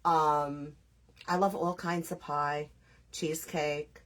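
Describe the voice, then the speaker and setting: A New York woman with a matching accent hosts a crafting livestream, chatting casually with viewers and reading their names aloud. She's chatty, scattered and self-deprecating, rambling a bit in a low, level, slow voice.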